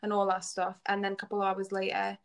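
Lithuanian-born girl in her 20s, bit of a scouse twang, pretty flat even voice, says like a lot. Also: medium pitch, quick pace, vocal fry, clean tone. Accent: Lithuanian with a semi-Scouse twang. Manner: chatty, laughs often, peppered with "like". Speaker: guest. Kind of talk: casual chat.

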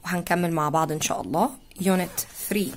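A woman speaking with an Egyptian Arabic accent who teaches an English lesson, patiently repeating words slowly and asking questions as she explains. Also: on the low side, fairly even intonation, slight background noise.

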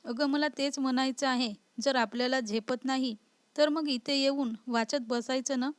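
A woman's voice: sits high, fairly even intonation, moderate pace, clean tone, dry recording, natural voice. A woman voicing a playful young husband who teases his wife in a storybook reading. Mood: teasing. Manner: teasing, lightly mocking.

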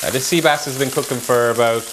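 Cooking in a home-style kitchen full of sizzling pans, a chef in his thirties explains his recipe step by step in a relaxed way. He is a fast talker with a medium-pitched voice, and the demonstration is recorded indoors amid the kitchen noise.

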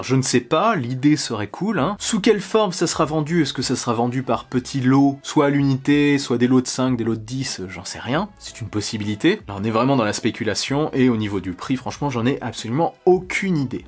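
A man's voice: mid-range voice, breathy edge. A man in his thirties talking to camera in a casual tech vlog, chatty and speculative. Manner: chatty, speculative, lively gestures. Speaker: tech YouTuber. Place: small indoor room with posters and shelves.

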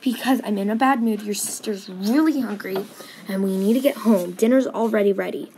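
Woman as a tired mom, grumpy, sighing, apologetic, mid-pitched voice, home-made skit. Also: a little fast, warm tone, slight background noise, lightly acted. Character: tired grumpy mother of two girls.

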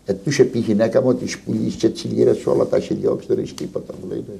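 A man with a Cretan accent, a lyra musician being interviewed, telling stories lively and acting out the dialogue. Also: on the low side, creaky. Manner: animated storyteller, acts out dialogue. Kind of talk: storytelling in an archive TV interview.

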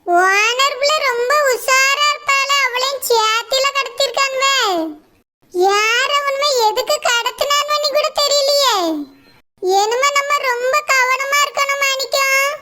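A woman's voice: very high voice, steady tone, measured pace, very noisy. A woman voicing a fretting old village grandmother, protective and scolding. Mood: fussing, worried.

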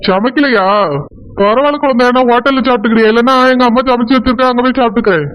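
A gentle young village husband. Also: male voice, extremely high pitch, rapid-fire. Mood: reassuring. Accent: Tirunelveli Tamil. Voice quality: soothing, reassuring. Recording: dull lo-fi sound.

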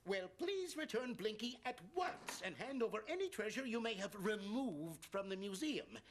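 An actor playing a prim, formal, easily flustered school principal. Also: male voice, high voice, sing-song, normal speed, a little hiss or hum. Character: fussy middle-aged school principal. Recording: cartoon soundtrack with loud music.

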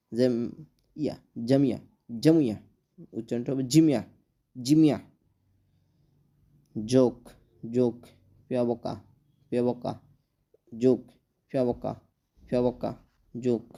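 Young male language tutor, unhurried and repetitive, soft warm tone, patient drill delivery. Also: medium pitch. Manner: repeats each word slowly several times. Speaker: language teacher. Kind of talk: vocabulary lesson with repetition.

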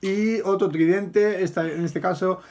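A man's voice: high voice, steady tone, measured pace, darkish tone. A man in his forties with a Spain accent, chatting casually and teasingly with bits of playful match commentary. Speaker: father co-hosting a football card game with his child. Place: small room at home.

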